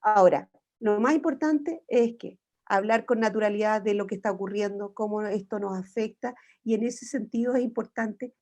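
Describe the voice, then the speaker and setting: A woman's voice: mid-range voice, darkish tone. A woman, a psychologist giving an online parenting talk over a video call, explaining step by step with frequent rhetorical tag questions. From Chile.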